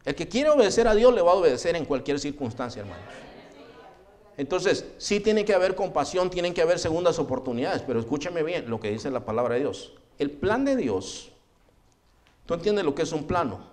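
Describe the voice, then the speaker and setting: A man's voice: fairly high pitch, big pitch swings, brisk, a little mellow. A man, a pastor, preaching a sermon in a direct, admonishing way, calling his listeners "brother" again and again. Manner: addresses the congregation as "hermano" over and over.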